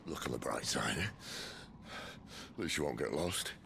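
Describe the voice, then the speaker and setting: An actor playing a weathered, gruff older male mentor in video game dialogue, with a deep gravelly voice and a dry, teasing manner. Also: animated, normal speed, full character voice. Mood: wry. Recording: noisy game audio under a stream.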